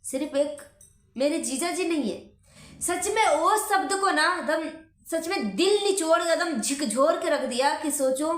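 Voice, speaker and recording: Speaking straight to the listener, a woman vlogger delivers an impassioned, indignant rant about a social media dispute, scolding and repeating phrases for emphasis. Her voice is extremely high, bright and forceful, and the room sounds echoey.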